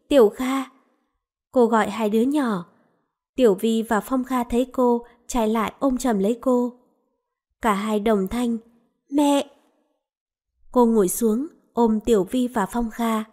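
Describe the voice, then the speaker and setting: A woman narrating a romance novel calmly and evenly. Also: fairly high pitch. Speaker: audiobook narrator.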